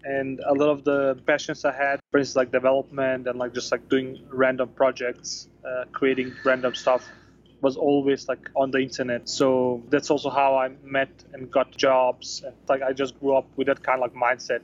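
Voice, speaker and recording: A man's voice: medium pitch, monotone, moderate pace, lo-fi sound. A man giving casual, informal interview answers as a guest, in hesitant phrases peppered with filler words. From Bosnia-born, grew up in Denmark. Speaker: interview guest, tech company founder.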